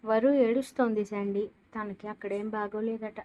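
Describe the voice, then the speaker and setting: A woman's voice: mid-range voice, steady tone, moderate pace, lo-fi sound, lightly acted. Woman reading as earnest protective older brother. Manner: earnest, explaining.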